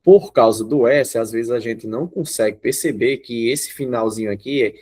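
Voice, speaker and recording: Brazilian guy teaching grammar online, explains things slowly, keeps asking "right?". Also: mid-range voice, darkish tone. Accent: Brazilian Portuguese. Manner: explanatory, checks in with students often.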